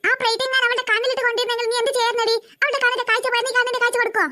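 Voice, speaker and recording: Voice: very high voice, flat delivery, very fast, bright, forceful tone. A performer voicing a young cartoon mother who scolds her two daughters in an exasperated, nagging way. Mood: scolding.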